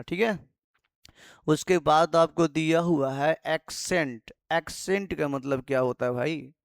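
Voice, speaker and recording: A man's voice: a little high, gravelly, no room sound, studio quality. A man teaching English vocabulary in a Hindi lesson, repeating each meaning and asking his students rhetorical questions.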